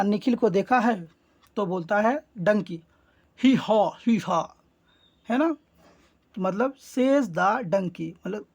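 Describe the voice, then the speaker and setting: A woman teaching English in Hindi, reading the English lines slowly and clearly and then explaining each word, often checking in with her listeners. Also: mid-range voice. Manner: keeps checking in with "है ना" between explanations.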